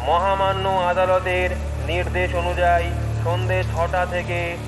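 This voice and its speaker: A man playing a police announcer whose warning comes over a street loudspeaker, slow, formal and repetitive. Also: sits high, completely flat delivery. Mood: stern, official. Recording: distant echoey loudspeaker with faint music.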